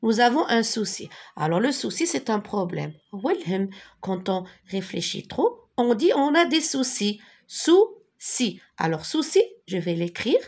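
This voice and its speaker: A woman teaching a French spelling lesson, patiently repeating each word slowly, with a few translations. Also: medium pitch, sing-song. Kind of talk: slow classroom lesson with repetitions.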